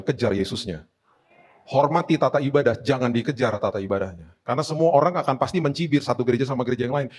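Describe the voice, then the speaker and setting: A middle-aged male pastor delivering a sermon in a fairly high voice. He preaches with animated storytelling, swings into playful humorous asides, then comes back to firm exhortation.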